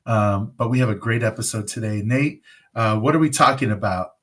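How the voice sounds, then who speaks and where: A podcast host recovering from pneumonia rambles and jokes his way through a casual episode, using plenty of fillers. His voice is fairly low-pitched, brisk and a bit bright.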